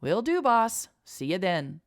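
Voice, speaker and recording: A woman's voice: medium pitch, very animated, slow pace, no room sound, clean studio sound, pitched above the performer's own voice. A woman doing a wry young deputy.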